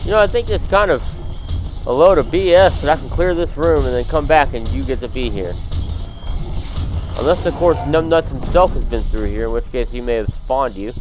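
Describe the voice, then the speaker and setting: A man's voice: medium pitch, animated, normal speed, darkish tone, soft background music. A man giving casual, joking commentary while playing a game, talking back to the enemies. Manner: chatty, joking, talks to enemies. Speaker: gaming channel host.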